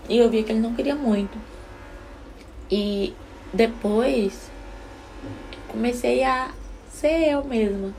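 A woman's voice: fairly high pitch, takes it slowly, pauses often, a little mellow, a little hiss or hum, rough recording. A young mother tells a personal story in a casual way and acts out what she said to her son.

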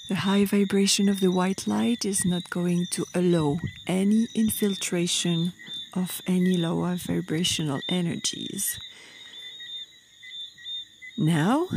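A woman leading a guided meditation in a soft, breathy, soothing voice, with short phrases and long pauses. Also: lowish voice, background noise. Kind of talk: slow guided meditation narration.

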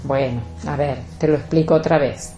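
A woman from talks in a low, mellow voice, unhurried and measured. She addresses her listeners directly as a podcast host, with faint music underneath. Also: fairly even intonation. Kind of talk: reflective podcast talk.

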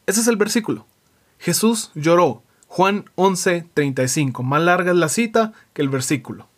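A man giving a reflective devotional sermon, slowing down and dropping his voice for emphasis. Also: a little high. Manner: reflective, slow emphatic pauses, dramatic drops in voice. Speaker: preacher.

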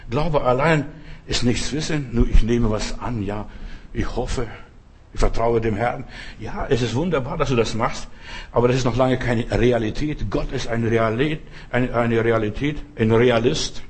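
Man, preacher, sermon, husky voice, emphatic, speaks straight to listeners. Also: mid-range voice, moderate pace. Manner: emphatic, addresses listeners directly.

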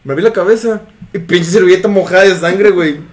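High-voiced young Mexican man telling a story. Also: fairly quick. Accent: Mexican Spanish. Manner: slangy, laughing, acts out the people in his story. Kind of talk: casual storytelling among friends.

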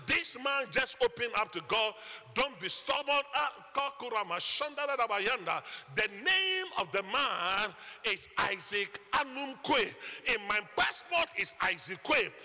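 A Ghanaian man preaching a sermon testimony, telling his story with lively quoted voices. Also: sits high. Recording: echoey hall reverb.

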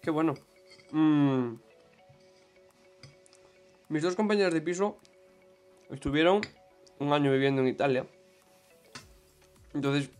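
A young man with a Madrid accent, chatting casually as a podcast co-host, relaxed and swearing offhandedly. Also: mid-range voice. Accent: Madrid Spanish. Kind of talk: casual chat.

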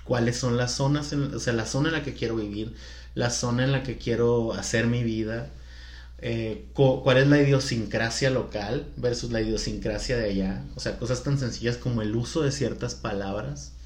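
A man's voice: mid-range voice, fairly even intonation, normal speed, darkish tone, roomy sound. A man from Culiacán, chatting casually as a podcast co-host and explaining at length. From Culiacán, Mexico. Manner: chatty, explanatory, laughs easily. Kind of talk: casual chat.

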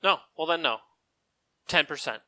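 A man's voice: a little high, lively intonation, normal speed, sharp tone, no room sound. A man on a podcast who talks bluntly, swears constantly and sounds exasperated in casual banter.

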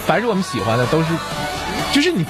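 A man's voice: high-pitched, wildly swooping pitch, quick pace, loud music behind the voice. A middle-aged man with a Northeastern Chinese accent, bantering in casual, jokey, colloquial chat.

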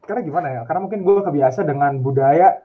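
Young guy from indonesia chatting on a call, kinda high voice, sounds thin like a phone line. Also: fast. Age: young adult. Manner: chatty, animated storytelling with laughs. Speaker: student abroad. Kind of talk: casual video call chat. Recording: tinny phone-like call audio.

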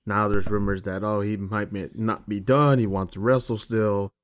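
A man with a slightly low voice chats as a podcast co-host. His talk is casual and conversational. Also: fairly even intonation, normal speed. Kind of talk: casual wrestling podcast chat.

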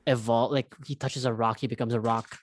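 A young man, co-hosting a casual podcast chat, rambling and animated and swearing freely. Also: medium pitch, brisk. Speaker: podcast co-host.

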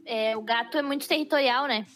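A woman, a podcast guest who chats in a lively way and laughs easily. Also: fairly high pitch, a little fast, faint music behind. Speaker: podcast guest, streamer and voice actress. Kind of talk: casual chat.

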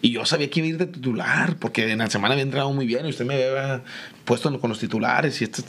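A man voicing a young male footballer who rapidly retells how he was benched, in a raised excited voice. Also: mid-range voice, slightly rough. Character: young male footballer telling an eager complaint.

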